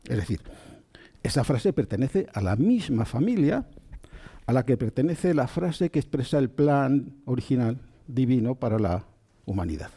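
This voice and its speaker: A man teaches in a calm, unhurried voice that is dark and mellow. His pitch rises and falls a lot as he explains and asks his listeners questions. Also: slightly rough. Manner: slow and gentle, checks in with listeners. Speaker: spiritual teacher. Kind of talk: calm spoken lecture on Kabbalah.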